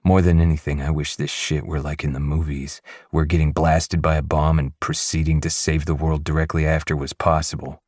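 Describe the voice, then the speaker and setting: Very deep, husky male narrator. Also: flat delivery, a little fast, few pauses, darkish tone, no room sound, clean studio sound. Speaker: audiobook narrator. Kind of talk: first-person audiobook narration.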